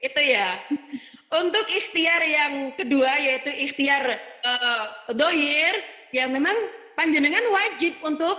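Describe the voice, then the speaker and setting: A woman religious teacher speaks with a high, bright voice. She drawls key words and then speeds through others, giving her talk a lively swing. Her voice rings with the long reverb of an echoey hall. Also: dull audio. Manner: lively, switches between slow emphatic and fast bursts. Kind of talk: Islamic study talk.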